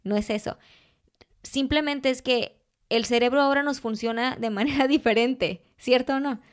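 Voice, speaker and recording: A Mexican woman co-hosting a podcast in casual, animated chat, laughing often. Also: high-pitched, normal speed, clean tone. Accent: Mexican Spanish. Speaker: podcast co-host.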